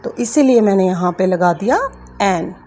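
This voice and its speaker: This Indian-accented woman has a mid-range, dark voice and speaks in an animated way at normal speed, with faint music in the background. She teaches English grammar at a board, patiently repeating the important points to students she calls kids.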